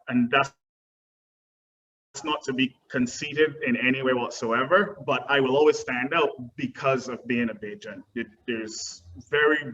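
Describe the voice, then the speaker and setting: Answering webinar questions earnestly and saying um often, a young guest dance teacher from Barbados speaks at a medium pitch in a slightly bright voice. He's on a video call, heard through dull, distant audio with faint noise.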